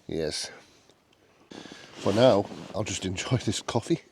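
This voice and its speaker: Speaking slowly and expressively in a fairly low, darkish voice, a solo camping vlogger with a Northern English accent muses to camera from inside a small tent outdoors. His manner is casual, down-to-earth and understated, with slight background noise present.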